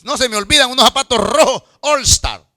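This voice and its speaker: Animated pastor, bright dry voice. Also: male voice, very high-pitched, fairly quick, dry recording. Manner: animated, swings from loud outbursts to hushed confiding asides; stammering repetitions. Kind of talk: sermon with storytelling. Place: church.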